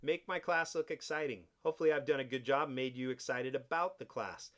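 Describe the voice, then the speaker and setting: A man teaching a design class, walking students through software steps in a relaxed, explaining way. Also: medium pitch, brisk. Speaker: design instructor. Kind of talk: software tutorial.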